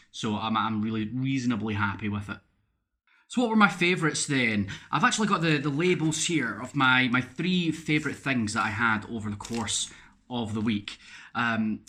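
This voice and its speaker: A man's voice: medium pitch, bright, forceful tone. A Scottish man in a casual video diary, chatty, with frequent fillers and repeated words. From Scotland. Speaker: vlogger.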